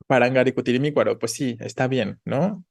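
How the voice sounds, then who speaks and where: A man's voice: medium pitch, measured pace, darkish tone. A man teaching an online class, explaining patiently and checking in with the students often. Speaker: Spanish teacher.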